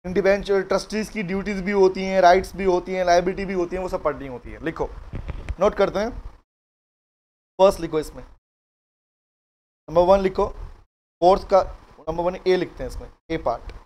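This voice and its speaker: A middle-aged man with an Indian English accent teaching a live law class, dictating notes slowly in mixed Hindi and English and calling on students by name. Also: sits high, a little mellow. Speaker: law lecturer.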